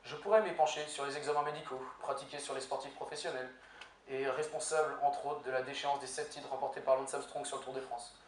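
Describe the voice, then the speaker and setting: A young man, a law student, giving a prepared humorous speech in an eloquence contest, with deadpan, ironic punchlines. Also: medium pitch, fast talker. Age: young adult. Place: university lecture hall with audience. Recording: echoey hall, far from mic, faint noise.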